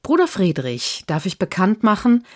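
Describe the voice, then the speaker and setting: A woman's voice: mid-range voice, wildly swooping pitch, normal speed, voice pushed up. A woman voicing an older male mission secretary who is genial and amused, in a storybook reading.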